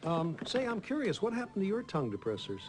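A fussy overly polite doctor in a tv dramedy, high animated voice, pointed and formal. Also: male voice, fast talker, low-quality recording. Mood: pointedly polite. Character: prissy, passive-aggressively generous doctor, overly polite. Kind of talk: naturalistic TV comedy-drama acting.

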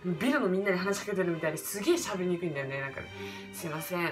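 A young woman with a lilt talks fast and rambles excitably through a casual vlog, her pitch bouncing all over. She sits in a hotel room at night, facing a camera under bright lights, with background music playing under her voice. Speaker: vlogger. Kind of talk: casual solo vlog chat. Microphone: camera in front under bright lights.

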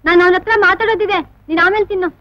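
A woman's voice: extremely high pitch, fairly even intonation, rapid-fire, bright, forceful tone, no room sound. An actress playing a caring rural wife who speaks earnestly and plainly with her husband, in a 1970s Indian film. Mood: scolding. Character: caring rural woman, firm with husband, adult. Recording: tinny old film soundtrack with faint music.

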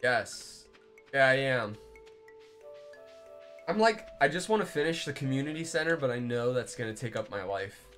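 A man's voice: medium pitch, animated, moderate pace, pauses often, fairly bright tone, faint music behind. Rambling, swearing male game streamer. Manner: rambling and swearing, chatting with viewers. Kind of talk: casual live-stream chat while playing.

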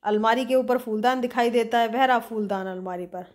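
Expressive woman teacher reading a story. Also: on the high side, brisk.

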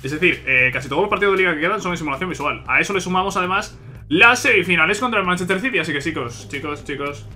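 A man's voice: sits high, racing. A man commentating his football video game as he plays, talking to viewers, often repeating himself and complaining that the game is unfair. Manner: frustrated, repetitive ranting at the game, swearing; bursts into loud excited shouts at big plays. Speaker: gaming youtuber. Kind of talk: live gameplay commentary.

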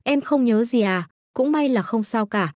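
A woman voicing a gentle older brother who reassures calmly. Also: fairly high pitch, measured pace, dry recording, clean studio sound. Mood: reassuring. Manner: calm and reassuring. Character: gentle caring older brother, young man.

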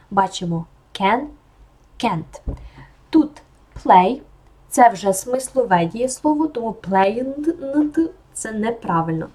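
Young woman, language teacher, mellow warm voice, calm explanations, slow clear examples. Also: fairly high pitch. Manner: calm explanatory tone, modelling English examples slowly. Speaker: English teacher. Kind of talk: explaining English grammar in Ukrainian.

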